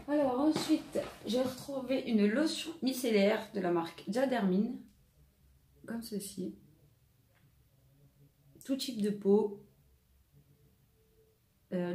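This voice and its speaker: A woman's voice: mid-range voice, darkish tone. A woman vlogger chatting casually through a product haul, rambling and padding her talk with fillers. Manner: rambling, lots of "euh" and "donc" fillers. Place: room at home. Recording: echoey room with faint noise.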